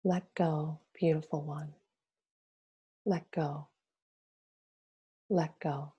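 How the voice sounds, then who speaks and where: A woman leading a guided meditation in a soothing, reverent, goddess-like manner, softly and with a hushed delivery. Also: deep voice, fairly even intonation, drawn-out words, lo-fi sound. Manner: soft, breathy, hushed, drifting at times toward a whisper.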